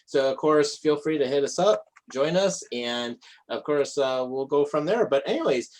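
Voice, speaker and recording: A man hosting a casual live sports podcast, talking in a relaxed way with plenty of fillers and reading out stats in a steady run. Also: on the high side, moderate pace, poor audio. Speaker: podcast host.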